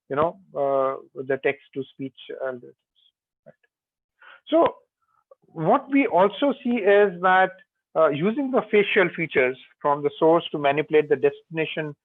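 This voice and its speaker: A man's voice: a little high, no echo. A man giving an online webinar lecture, explaining step by step with frequent "uh" and "you know" fillers. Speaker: guest speaker on technology. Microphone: video call. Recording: tinny phone-like call audio, dry.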